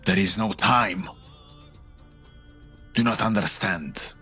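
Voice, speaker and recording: A man playing a proud, strong-willed warrior in a tabletop game, arguing earnestly in a husky voice. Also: sits low, slow, bright, forceful tone, soft background music, heavily acted.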